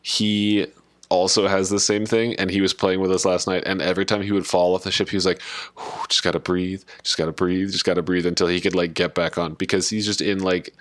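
A man's voice: deep voice, no room sound. A man co-hosting a podcast in natural unscripted talk, chatting casually in a jokey, self-mocking way. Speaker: podcast co-host.

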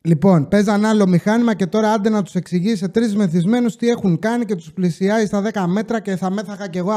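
A man telling comic stories from his casino job in a loose, slangy, joking way, with coughs and quick asides. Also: high voice, mellow. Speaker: podcast host telling casino work stories. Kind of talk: casual storytelling monologue.

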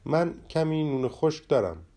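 A man voicing a patient, gentle friend in a storybook tale who speaks softly and resignedly. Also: a little high, sing-song, voice pushed up. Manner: soft, resigned, sighing.

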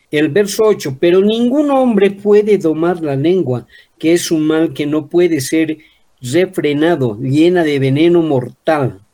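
A man from the congregation reading a Bible passage aloud, carefully and measured. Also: on the high side, dark tone.

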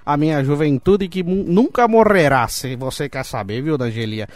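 Brazilian old-uncle type, cranky, insists he's young, a touch high, dry read, as the male host puts it on. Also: moderate pace, darkish tone, no room sound, close to an everyday voice. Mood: indignant. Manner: grumbling, indignant, swearing often. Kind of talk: comic advice segment.

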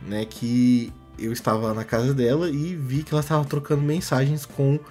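A man's voice: mid-range voice, flat delivery, moderate pace, darkish tone, faint music behind. A young man from Brazil, telling a long personal story in a rambling, casual way on a podcast. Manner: rambling, fillers like "mano" and "tá ligado". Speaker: podcast co-host.

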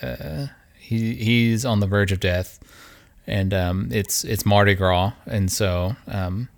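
A man co-hosting a podcast in casual chat, laid-back and halting, with many fillers. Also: fairly low pitch, vocal fry. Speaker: podcast co-host.

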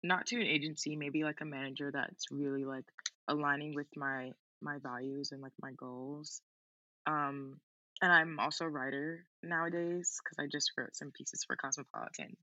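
Young female podcast guest, bright forceful voice, dry sound, casual and peppered with "like". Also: sits low, fairly even intonation, normal speed, no room sound, dull audio. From Queens, New York, United States. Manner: informal, frequent "like" as filler. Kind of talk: casual interview chat.

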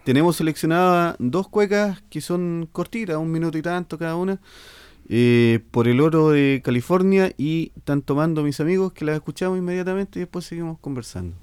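A male radio host with a smooth, resonant voice pitched somewhat high. He keeps the conversation moving with gentle prompts and brief affirmations, recorded dry and close to the mic. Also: fairly quick, no echo. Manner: short encouraging backchannels and gentle prompts. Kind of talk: interview hosting.

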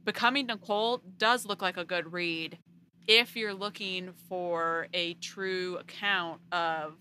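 Bright-voiced chatty woman. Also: fairly low pitch, slow pace. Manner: chatty, lots of "like" fillers. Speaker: podcast co-host. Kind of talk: casual chat.

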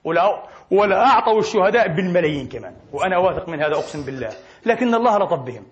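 A man's voice: high voice, sing-song, racing, dull audio, a crowd in the background. A man preaching a fiery sermon in a mosque, firing off rhetorical questions and swearing oaths. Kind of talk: impassioned Friday sermon.

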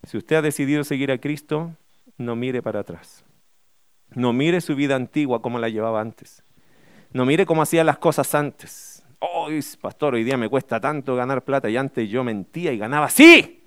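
A man's voice: medium pitch, normal speed, a bit bright, clean tone, no echo, clean studio sound. A middle-aged man, preaching a sermon as pastor, emphatic and full of rhetorical questions.

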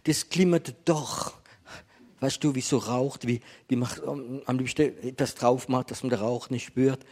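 A man preaching to a congregation in a gentle, conversational way, often asking his listeners questions. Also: medium pitch, steady tone, measured pace. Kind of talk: sermon to a congregation.

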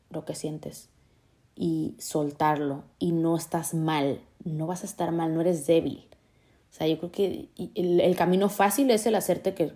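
Mexican woman, vlogger, low warm voice, chatty and expressive with quotes. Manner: chatty, acts out quoted thoughts in a lively way. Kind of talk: casual talk to camera about emotions.

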